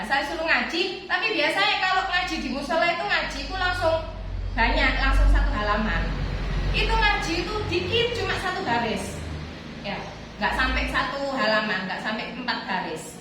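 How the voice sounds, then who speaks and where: Bright, high-voiced East Javanese woman teaching. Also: slight background noise. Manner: chatty, asks rhetorical questions and answers them. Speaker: religious teacher addressing students. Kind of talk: informal religious lesson with a personal story. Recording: echoey room picked up from a distance.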